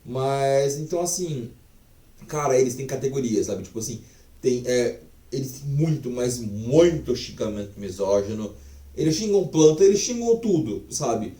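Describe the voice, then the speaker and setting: A language teacher gives a casual online lesson in an echoey room, sounding chatty and profane and using many fillers. His medium-pitched voice is animated and dark in tone, at normal speed. He's recorded from a distance.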